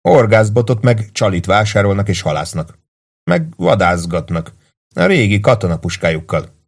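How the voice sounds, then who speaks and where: Very deep-voiced male audiobook narrator. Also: expressive. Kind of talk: scripted narration.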